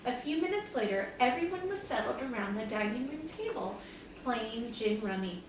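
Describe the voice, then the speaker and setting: Slightly high-pitched and moderately paced, a woman reads a children's chapter book to her second-grade class. She acts out the dialogue expressively and adds small asides, and the audio is echoey, distant-miked, and noisy in the background.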